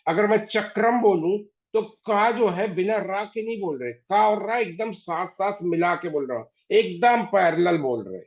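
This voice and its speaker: A man teaching an online class, patiently repeating words slowly to drill pronunciation. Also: sits high. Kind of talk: online class on Hindi spelling. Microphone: video call. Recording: dull lo-fi video call audio.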